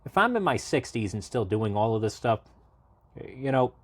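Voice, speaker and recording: On a casual podcast, a local party committee chair in his late twenties from Massachusetts chats at length, stumbling into restarts and fillers. His medium-pitched voice swings widely in pitch at a normal speed, with no room sound.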